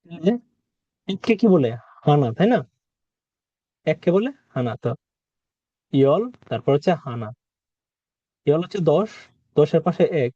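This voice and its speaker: A man's voice: fairly high pitch, lively intonation, measured pace, long pauses, warm tone, dry recording. Patient man teaching vocabulary, dull sound. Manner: patient, repeats and quizzes the listener. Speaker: Korean language teacher. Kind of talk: vocabulary lesson.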